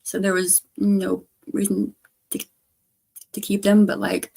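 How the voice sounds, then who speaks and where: A woman livestreamer chatting casually in a halting, rambling way, her speech slightly slurred by missing front teeth. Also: medium pitch, monotone, creaky, warm tone, breathy edge. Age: adult, grown past teens. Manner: halting, trailing off with repeated stammered starts.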